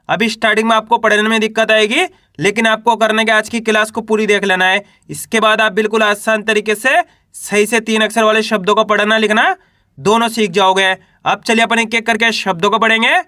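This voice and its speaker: A man with a high, bright voice runs a patient reading lesson. He spells out each letter, then blends them into a word and asks the learners to repeat it. The recording is dry and close, with no room sound. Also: no room sound. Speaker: Hindi reading teacher.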